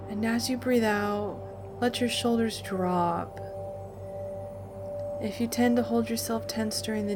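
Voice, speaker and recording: A woman narrating a guided meditation in a calm, soothing, deliberate way with long pauses. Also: medium pitch. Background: music.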